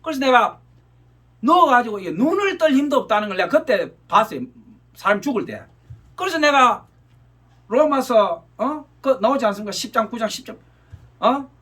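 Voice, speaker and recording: A male pastor preaches in a strikingly high voice. His pitch rises and falls widely as he tells an emotional story, acting out each gesture as he speaks. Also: very animated, normal speed, long pauses, pushed and bright, husky. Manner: emotional storytelling, acts out gestures with repeated "이렇게". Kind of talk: sermon.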